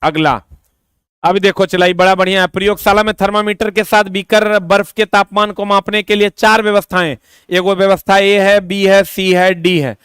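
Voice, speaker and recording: A man teaching an online exam-prep lesson, chatty and repetitive, with quick asides to his students. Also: high voice, flat delivery, a bit bright, clear, resonant tone, no room sound.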